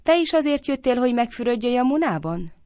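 A woman's voice: fairly low pitch, a little mellow, no room sound, studio quality, lightly acted. A woman doing a sly girl feigning innocence. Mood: teasing. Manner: mock-innocent, teasing.

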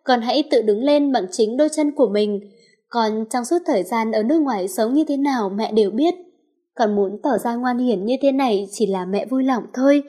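A woman voicing a gentle, apologetic middle-aged mother leaving a farewell message in a storybook reading. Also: fairly high pitch, close to an everyday voice.

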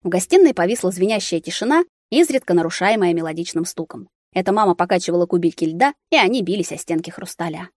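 A woman narrating an audiobook in a steady, expressive reading. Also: on the low side, quick pace, few pauses, no room sound, studio quality.

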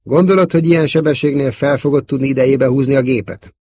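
A man's voice: medium pitch, a little mellow, dull audio, a little hiss or hum, pitched above the performer's own voice, close to an everyday voice. A man voicing a cocky, teasing young male wingman pilot. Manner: joking.

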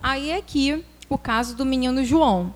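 A woman, a preschool teacher, telling a personal classroom story in an animated way, acting out quoted voices and using religious phrasing. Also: sits high, moderate pace. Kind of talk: personal testimony talk.

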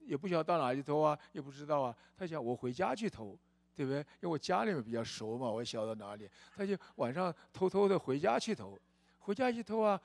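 A man's voice: fairly high pitch, creaky, dry recording. A man preaching a storytelling sermon in a church, folksy in tone and asking rhetorical questions.

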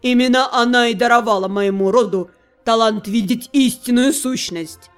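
A woman voicing a calm, genial older king with a measured, gently patronizing manner. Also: on the high side, faint music behind, pitched below the performer's own voice, lightly acted.

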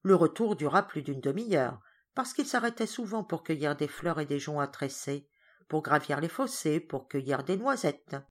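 Brief: woman narrator, low-pitched, very lively intonation, expressive storytelling. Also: normal speed. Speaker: audiobook reader. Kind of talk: scripted narration.

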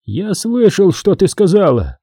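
Мужчина играет властного жестокого владыку ситхов. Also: male voice, sits high, very animated, a little slow, mellow, breathy edge, no room sound, studio quality, voice pushed up, exaggerated voice. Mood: commanding. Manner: imperious, commanding. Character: cruel commanding male Sith lord.

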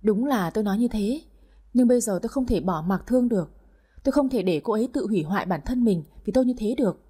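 A woman's voice: mid-range voice, expressive, fast talker, warm tone, slightly rough. Woman voicing a torn, weak-willed older husband. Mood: hesitant. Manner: hesitant, pleading.

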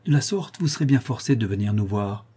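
A man's voice: fairly low pitch, lively intonation, brisk, mellow, slightly rough. A man reading an audiobook and voicing a tender, effusive noblewoman. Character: warm, eager aristocratic lady, motherly.

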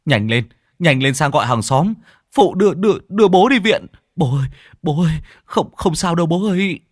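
A man playing a young man losing his father, crying out and stammering in raised, cracking shouts. His voice sits well above a normal speaking voice, loud and frantic. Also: fairly high pitch, animated, normal speed, no echo, studio quality, voice pushed up. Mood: panicked. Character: panicked grown son crying over his father. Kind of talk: storytelling performance.

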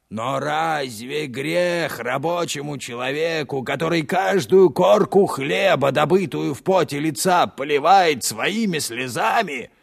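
A very gravelly, creaky working-class informer in an audiobook. He is sly and self-pitying, wheedling slowly in a fairly high voice with a sanctimonious whine. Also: fairly bright tone, full character voice. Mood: self-righteous. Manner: wheedling, sanctimonious, drawn-out pleading. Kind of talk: dramatized audiobook reading.

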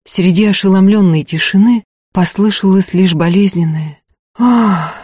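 A woman's voice: lowish voice, normal speed, a little mellow, breathy edge, no echo, clean studio sound. Woman narrating a dramatic audiobook. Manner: dramatic storytelling.

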